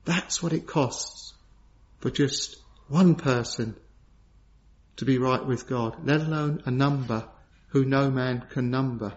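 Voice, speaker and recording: A man preaching a sermon in an earnest, solemn way. He repeats key phrases for emphasis and swings from raised, urgent questions to low, hushed gravity. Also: slow. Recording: dull lo-fi sound.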